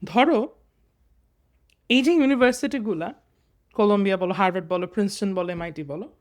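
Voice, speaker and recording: A man's voice: high voice, brisk. A young man in his twenties with a Bangladeshi accent, tutoring students in English grammar. He talks patiently and reads sentences in small pieces, mixing English words into his explanations. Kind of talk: casual exam lesson.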